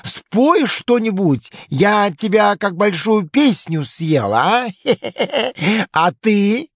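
A woman putting on a big greedy male crocodile who bellows jolly loud calls in a radio play. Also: mid-range voice, sing-song, drawn-out words, no room sound, clean studio sound, voice pushed down, exaggerated voice.

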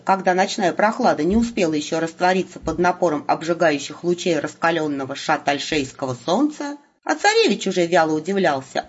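A woman narrating an audiobook with a lively, ironic storytelling manner. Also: sits low, slightly rough. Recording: muffled lo-fi recording.

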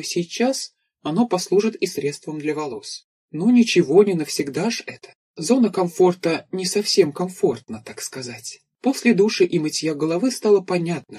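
A man reading an audiobook in steady, measured scripted narration. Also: on the high side, husky.

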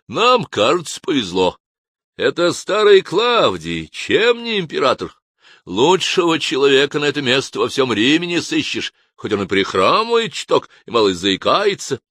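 A man reading an audiobook voices a gruff, cheerful palace soldier who talks loudly and roughly. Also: mid-range voice, very animated, moderate pace, no echo, studio quality, pitched above the performer's own voice. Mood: boisterous. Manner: loud, rough and jovial. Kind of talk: audiobook character voice.

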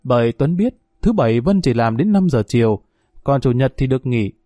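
A man narrating a story in a steady, measured audiobook style. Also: medium pitch, no room sound, clean studio sound.

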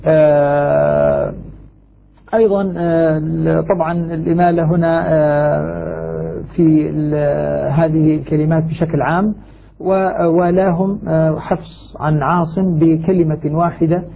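A man teaching Quranic recitation rules in a measured scholarly way, with hesitant fillers and repeated key words. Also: a little high, gravelly, slight background noise. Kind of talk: scholarly explanation. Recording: tinny phone-like sound.

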